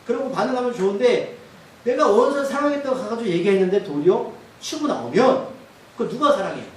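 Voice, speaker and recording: A man's voice: high-pitched, lively intonation, fast talker, a little mellow. A male pastor preaching a sermon, often putting questions to the congregation. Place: church sanctuary. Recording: echoey church hall from far off.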